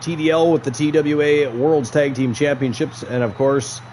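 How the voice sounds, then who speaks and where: A man's voice: on the high side, fairly even intonation, moderate pace, darkish tone, a little hiss or hum. A man doing lucha libre play-by-play as a wrestling announcer, drawing out key words for emphasis. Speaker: wrestling commentator.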